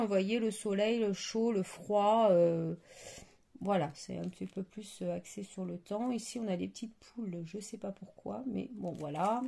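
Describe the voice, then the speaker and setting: A woman talks through craft supplies in a relaxed show-and-tell. Her voice has a gravelly, mellow texture. She hesitates often and fills her pauses while hunting for words. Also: medium pitch. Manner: hesitant, many fillers and searching for words. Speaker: crafting vlogger. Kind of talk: casual product show-and-tell.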